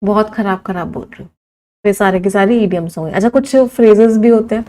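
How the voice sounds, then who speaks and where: A young Indian woman teaching English vocabulary in an online class. She reels off lists of synonyms and slows down to dictate idioms. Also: mid-range voice, mellow. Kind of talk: live online vocabulary lesson.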